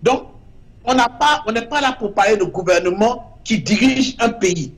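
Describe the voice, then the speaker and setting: High-voiced emphatic man. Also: expressive, moderate pace. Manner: emphatic, repeats short verdicts. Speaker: guest, artist. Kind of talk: impassioned interview talk.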